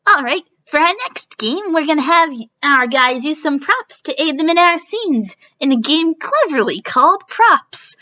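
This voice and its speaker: A woman's voice: high-pitched, animated, unhurried, few pauses, pushed and bright, dull audio, voice pushed up, exaggerated voice. A woman voicing a playful, teasing cartoon girl who hosts a game show, with hammy, stagy delivery, in a dramatic reading. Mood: showy, upbeat.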